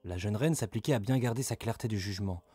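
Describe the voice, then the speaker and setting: A man narrating an audiobook in a dramatic, expressive reading. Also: lowish voice, fast talker, husky, dry recording. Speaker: audiobook reader. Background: ambient soundtrack music.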